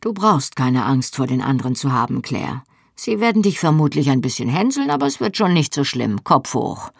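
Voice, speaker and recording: A reader doing a stern, mocking Scottish husband. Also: male voice, medium pitch, sing-song, moderate pace, vocal fry, slightly rough, dry recording, clean studio sound, exaggerated voice. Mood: teasing. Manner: blunt and mocking.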